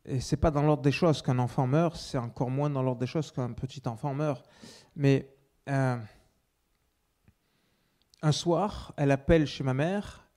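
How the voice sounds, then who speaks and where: A man preaching, telling a personal testimony with many restarts, swinging between loud emphasis and hushed asides. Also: medium pitch.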